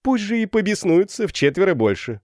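Man playing a cocky young student, high, loud and jeering; dry studio sound. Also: sing-song, brisk, no echo. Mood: mocking. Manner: jeering, rowdy. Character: brash mischievous young male student.

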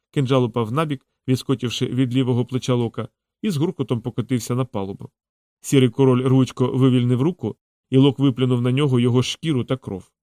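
A man narrates a fantasy audiobook in a dramatic, measured storytelling manner. His voice sits at an ordinary middle pitch. The sound is dry and close, with no room echo. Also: a little mellow. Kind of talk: scripted narration.

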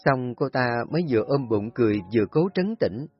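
Husky-voiced male storyteller. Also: medium pitch, expressive, brisk. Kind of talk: scripted story narration. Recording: dull lo-fi audio with faint music.

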